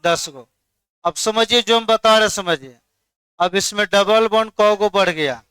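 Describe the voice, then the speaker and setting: A high, bright-voiced man lectures a class at an unhurried pace. He keeps urging students to look carefully and quizzes them one by one. His voice is smooth and clear, recorded close and dry. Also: dry recording. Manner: coaxing, repeats "dekhiye" to hold attention, quizzes students. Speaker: chemistry teacher.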